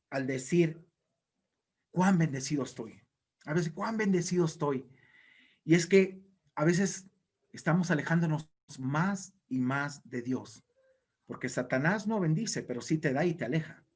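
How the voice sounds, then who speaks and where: A male pastor delivers a sermon. His voice sits fairly high for a man, and he presses his points home emphatically, exhorting the congregation. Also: animated, a little slow, slightly rough.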